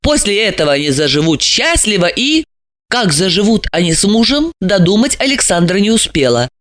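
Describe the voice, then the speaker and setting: Expressive woman audiobook narrator. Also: medium pitch, normal speed, no echo, clean studio sound. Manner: expressive, lively storytelling. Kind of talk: scripted narration.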